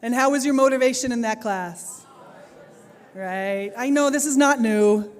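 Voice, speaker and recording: A woman giving a plenary talk in a big conference hall engages the teachers in her audience with questions and frequent laughter. The teacher trainer's voice is a little high and measured in pace, with reverb from the hall.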